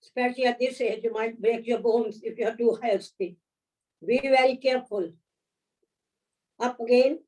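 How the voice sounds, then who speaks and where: A woman leading a yoga class, giving gentle, unhurried instructions, counting holds and offering encouragement. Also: on the high side. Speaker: yoga teacher. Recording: voice from a distance off the mic.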